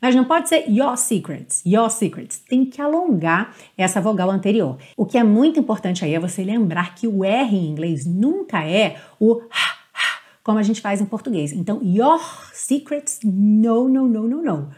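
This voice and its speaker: A woman from Brazil teaching English pronunciation, explaining patiently and drawing out English lyrics slowly. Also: medium pitch, animated, a little mellow. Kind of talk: pronunciation lesson.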